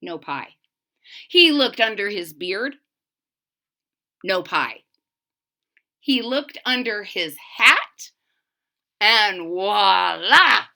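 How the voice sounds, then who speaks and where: Her voice is gravelly and medium-pitched, with drawn-out words and long pauses, as this woman dramatically reads a children's story. Animated throughout, she turns to her listeners with asides and questions.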